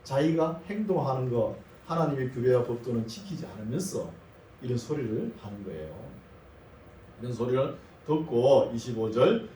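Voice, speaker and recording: 울림 큰 교회에서 설교하는 목사. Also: male voice, medium pitch, animated, mellow, a little hiss or hum. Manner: slow, measured scripture reading mixed with explanatory asides. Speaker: pastor. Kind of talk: sermon with scripture reading. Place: church sanctuary. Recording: roomy echo, distant mic, faint ambience.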